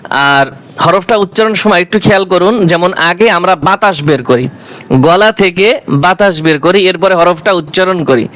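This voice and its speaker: High-voiced male Quran teacher. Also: normal speed, fairly bright tone, no room sound. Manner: patient, repeats each letter aloud several times; asks the class questions and answers them himself. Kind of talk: step-by-step recitation lesson.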